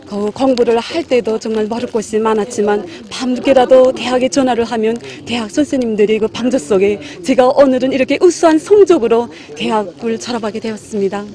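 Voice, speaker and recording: Female graduate, North Korean accent, fairly high but soft dark tone, earnest statement.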